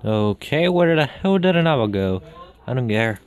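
A young person chatting casually during a game, blunt and teasing, with casual swearing. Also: female voice, a bass voice, very animated, normal speed, darkish tone. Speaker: gamer. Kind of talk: casual gameplay chat.

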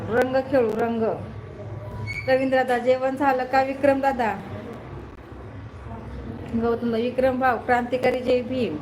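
A woman with a high voice hosts a casual live stream from her phone. She talks loudly, welcoming viewers one after another. The recording carries clear background noise. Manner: loud, greets viewers by name, keeps asking if she is heard. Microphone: phone held close.

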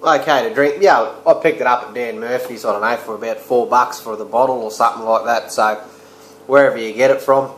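A man's voice: medium pitch, a little fast, fairly bright tone, a little hiss or hum. Aussie bloke reviewing beer on his webcam, rambly and swears a bit, roomy echo. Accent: Australian. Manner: laid-back, rambling, crude slang. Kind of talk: casual beer review vlog. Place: small room indoors. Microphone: webcam or laptop mic close up. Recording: echoey room.

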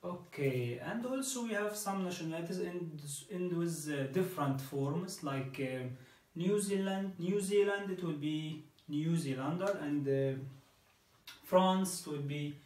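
Male English teacher, slightly high voice, recorded far off in a roomy space. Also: darkish tone, slight background noise. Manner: slow, repeats with checking "okay?". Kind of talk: classroom lesson. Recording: echoey room, mic at a distance.

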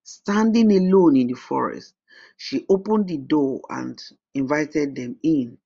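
A storyteller reading a folk tale aloud in a steady, measured way on a dull lo-fi recording. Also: mid-range voice, vocal fry, breathy edge. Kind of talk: storybook narration.

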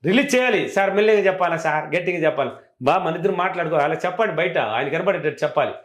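A man working as a relationship coach, giving animated, emphatic advice and repeating his key points. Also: high-pitched, very fast. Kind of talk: advice talk. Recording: roomy echo.

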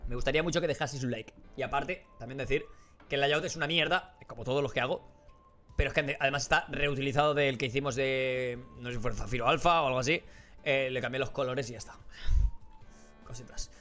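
Fast-talking young gaming host. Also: male voice, medium pitch, faint music behind. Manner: excitable, casual, swears freely. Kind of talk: let's play commentary.

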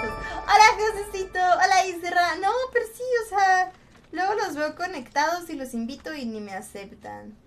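High-voiced Mexican woman streamer. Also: fairly bright tone, a little hiss or hum. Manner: playful, teasing, greets viewers with pet names. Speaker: game streamer. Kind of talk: live-stream chat while gaming.

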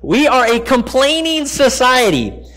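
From the stage of a large church sanctuary, a middle-aged American pastor delivers a sermon in a conversational, explanatory style, often stepping aside to speak directly to listeners. His voice is very high, very animated, unhurried and fairly bright.

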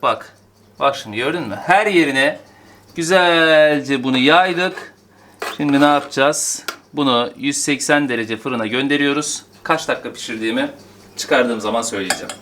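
Excitable man cooking at home. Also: medium pitch, moderate pace, slight background noise. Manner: playful, excitable, exclaiming. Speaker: cooking vlogger. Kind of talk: casual cooking vlog. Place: home kitchen.

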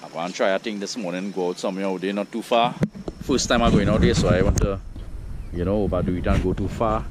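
A man's voice: sits low, steady tone, quick pace, very noisy. A Trinidadian man with an easygoing, chatty manner, vlogging outdoors from a kayak on open water. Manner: easygoing, chatty, loose Caribbean patois. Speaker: fishing vlogger. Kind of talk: casual outdoor vlog.

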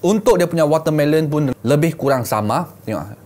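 A man's voice: a little high, lively intonation, a little fast, darkish tone. A man in his thirties with a Malaysian accent, reviewing products in a casual, colloquial vlog style, often repeating himself and addressing viewers as friends. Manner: colloquial, repeats phrases, talks to viewers as 'guys' and 'gang'. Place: small indoor room set up as a gaming studio.

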